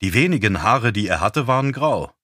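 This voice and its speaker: A man narrating a novel as an audiobook in a slow, measured storytelling manner. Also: on the low side, big pitch swings, fairly bright tone, no echo, studio quality.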